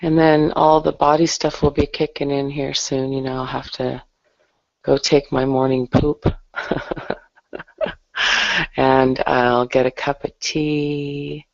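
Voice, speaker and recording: Groggy, gravelly woman just woken up. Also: very deep voice, takes it slowly, long pauses, dry recording, lo-fi sound. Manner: drowsy, relaxed, gravelly. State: just woke up, morning voice. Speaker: guest. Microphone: video call.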